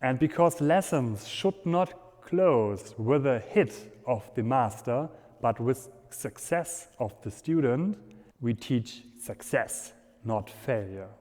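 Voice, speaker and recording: Slow-paced German-accented man in an echoing hall. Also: medium pitch, animated, darkish tone. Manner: halting non-native phrasing. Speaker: fencing instructor. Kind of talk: instructional demonstration, explaining step by step. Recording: echoey hall with long reverb.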